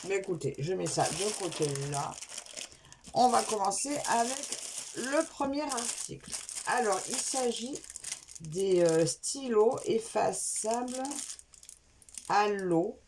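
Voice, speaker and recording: A woman's voice: medium pitch, animated, slow, long pauses, noisy background. A woman chatting casually through an unboxing of craft supplies for her vlog. She wanders between topics and corrects herself as she goes. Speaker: craft vlogger.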